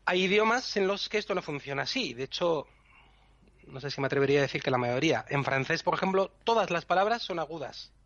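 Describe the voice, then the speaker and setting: Teacherly man, slightly high voice. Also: animated, fast talker, fairly bright tone, no room sound. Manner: patient, teacherly, chuckles often. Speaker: language section guest. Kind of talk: explanatory podcast chat. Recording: dull lo-fi podcast recording with faint music.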